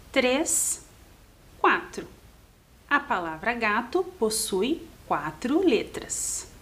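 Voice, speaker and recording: A woman teaching a primary school lesson to children, patiently spelling and counting aloud step by step. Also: mid-range voice. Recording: roomy echoing room.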